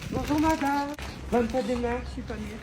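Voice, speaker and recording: A social media creator from France talks to camera in a casual vlog, chatty and expressive with dramatic reactions. The voice is medium-pitched at a normal pace, with noise in the background.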